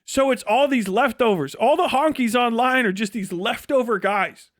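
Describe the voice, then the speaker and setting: This man hosts a livestream and rants in a loose, profane, sarcastic way, performing made-up dialogue with lots of animation. He speaks at a moderate pace in a very high-pitched voice.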